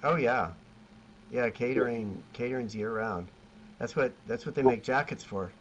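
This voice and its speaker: A man's voice: mid-range voice, normal speed. A man chatting loosely about barbecue catering, his stories wandering and self-mocking. He comes through a video call that sounds dull and lo-fi. A faint hiss sits behind his voice. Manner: rambling storyteller, laughs at himself. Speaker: BBQ caterer, guest. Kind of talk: casual chat.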